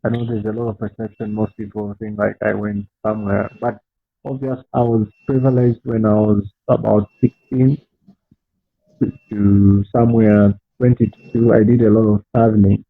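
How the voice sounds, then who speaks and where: A man's voice: on the low side, level tone, gravelly, no echo. Young Zambian-born man on a tinny call line. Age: 20s. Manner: unhurried, with frequent fillers and restarts. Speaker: guest entrepreneur. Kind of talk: casual interview talk.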